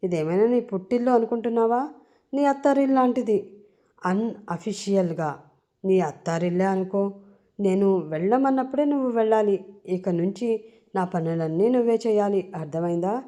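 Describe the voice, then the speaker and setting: A woman's voice: mid-range voice, moderate pace, lightly acted. A woman voicing a domineering young male rowdy killer who mocks and barks orders at his captive. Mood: bossy. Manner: commanding, mocking, loud barked orders.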